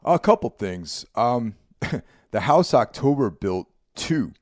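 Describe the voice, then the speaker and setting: A man co-hosting a podcast in casual chat, relaxed and rambling, often asking "you know what I mean?". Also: medium pitch, slow, no room sound, clean studio sound. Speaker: podcast co-host.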